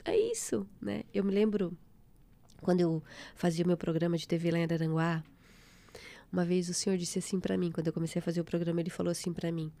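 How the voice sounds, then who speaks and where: A middle-aged woman, giving a fervent, expressive testimony of faith as a guest. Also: on the low side, fast, vocal fry.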